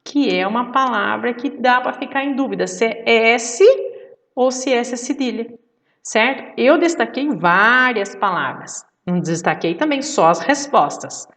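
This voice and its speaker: Professora falando devagar, de longe do microfone. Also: female voice, fairly high pitch, a little slow, fairly bright tone, far from the mic. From Brazil. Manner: patient, explanatory, often checks with 'certo?'. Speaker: teacher. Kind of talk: remote video lesson for children.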